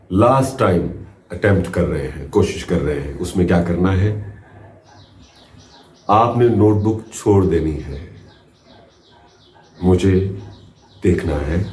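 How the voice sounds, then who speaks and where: A man teaching a spoken English lesson, giving slow drawn-out prompts and counting out pauses. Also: sits low, darkish tone, echoey room.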